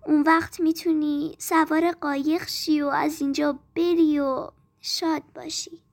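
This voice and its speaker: A woman voicing a gentle, loving old tree in a storybook reading, speaking softly and tenderly. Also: high voice, little pitch movement. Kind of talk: storybook narration.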